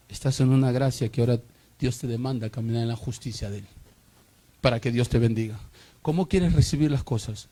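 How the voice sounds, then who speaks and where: A man's voice: mid-range voice, warm tone, husky. A male pastor preaching a sermon with call-and-response and rhetorical questions.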